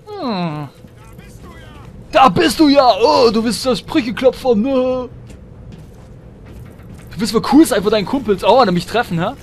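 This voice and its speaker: Brief: man, high voice, playful let's-play commentator, hums and chants through fights. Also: expressive, a little slow, long pauses, a little hiss or hum. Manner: chatty, hums and chants while shooting, frequent exclamations. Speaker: let's player. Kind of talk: gameplay commentary.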